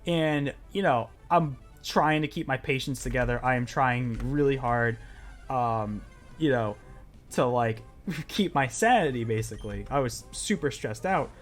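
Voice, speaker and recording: A man's voice: mid-range voice, a little slow, faint music behind. A man streaming a game and telling a story in a loose, rambling way, full of fillers and swearing. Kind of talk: casual storytelling while playing a game.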